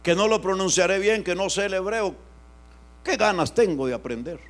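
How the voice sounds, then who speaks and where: A man pastor, preaching an animated sermon that swings from loud outbursts to hushed asides. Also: high-pitched, normal speed.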